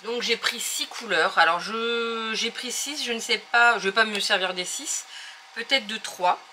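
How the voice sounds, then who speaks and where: A woman's voice: on the high side, measured pace, noisy background. A woman hosting a casual craft tutorial, talking hesitantly with many fillers as she thinks aloud while working.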